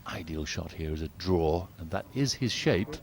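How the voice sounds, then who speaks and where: A man giving live golf commentary as the lead commentator, in a measured, understated, conversational way. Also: deep voice, expressive, background noise.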